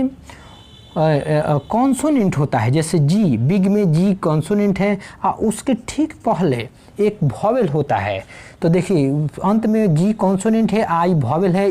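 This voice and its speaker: A woman with a warm, medium-pitched voice teaches an English grammar lesson. She explains slowly, spells out letters, and pauses with fillers.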